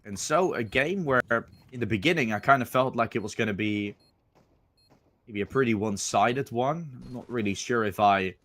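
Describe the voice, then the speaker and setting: A man's voice: mid-range voice, moderate pace, a bit bright. A man doing live esports commentary as a caster, calling the play in short, clipped phrases.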